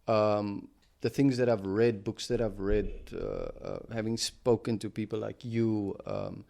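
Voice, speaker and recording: A man's voice: fairly low pitch, fairly even intonation, measured pace, gravelly, darkish tone. A man hosting a podcast, telling a personal story in a reflective, casual way, with many fillers and restarts. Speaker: podcast host.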